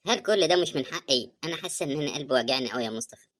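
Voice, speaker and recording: A woman voicing a grieving sister in an animated drama, speaking Egyptian Arabic in a tearful, reproachful way. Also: deep voice. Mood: hurt, indignant. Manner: tearful, reproachful, fast talking. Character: grieving woman, hurt and bitter over her dead brother.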